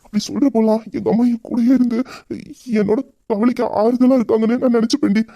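A man's voice: extremely high pitch, level tone, warm tone, no echo. Man playing tender grieving husband. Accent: Tamil. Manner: intimate, heartfelt, rapid talk. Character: grieving young husband Veera, loving and tender. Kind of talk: romantic audio drama.

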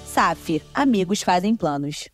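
A woman's voice: lowish voice, lively intonation, slow. Brazilian woman reading an ad over music. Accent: Brazilian Portuguese. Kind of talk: scripted ad voice-over.

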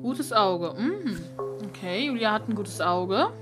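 A woman does casual let's play commentary over video game music, reading the game's text aloud and muttering to herself. Her mid-range voice is sing-song and her pace is slow.

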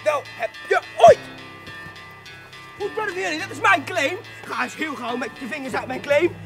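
Shrill, excitable gold prospector, whining indignantly. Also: male voice, unhurried, creaky, over music, full character voice. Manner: whiny, over-the-top, exclaiming. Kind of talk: exaggerated comic children's western acting.

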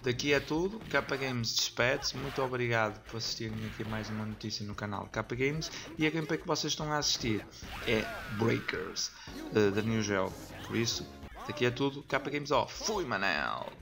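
A man's voice: medium pitch, fairly quick, vocal fry. A man with a European Portuguese accent giving casual gaming news commentary as a channel host, informal and stumbling over names. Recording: loud game music behind voice. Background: video game music.

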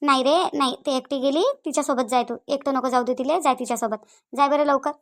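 A woman's voice: sits high, fairly even intonation, fast. A woman with a Varhadi Marathi accent voicing an anxious older mother who keeps urging her son. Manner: insistent, repeats commands.

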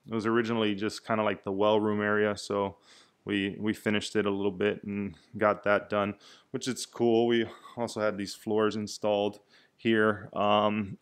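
Low, flat-voiced man touring his house. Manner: relaxed, rambling, many fillers and restarts. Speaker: vlogger giving a house tour. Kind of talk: casual house-tour narration. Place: indoors in a house, walking room to room.

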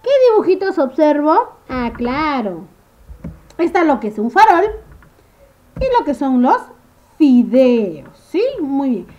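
A woman teaching a first-grade phonics lesson to young children. She talks slowly in a sing-song way, stretches out words and keeps checking in with the class. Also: high-pitched, very animated, warm tone, highs cut off. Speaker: primary school teacher.

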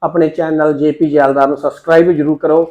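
A man's voice: on the high side, level tone, quick pace, warm tone, dull audio. A man signing off his channel, asking viewers to like, comment and subscribe. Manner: friendly, direct appeal to viewers. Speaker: channel host. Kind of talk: casual sign-off to viewers.

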